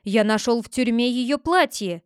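A woman's voice: fairly high pitch, animated, a little slow, no room sound, studio quality. A woman reading as a blunt prison jailer. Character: plain-spoken male prison jailer.

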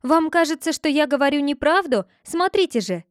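A woman reading as a gentle shepherd girl. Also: sits high, normal speed, no room sound, clean studio sound, voice pushed up. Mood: joyful. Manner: quiet, calm, firm.

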